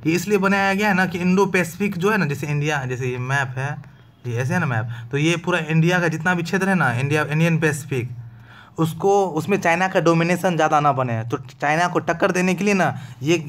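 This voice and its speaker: A man's voice: on the high side, brisk, a bit bright. A man teaching an online exam-prep lesson in a casual, chatty way, often checking whether his students follow. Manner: talkative, keeps asking "clear?".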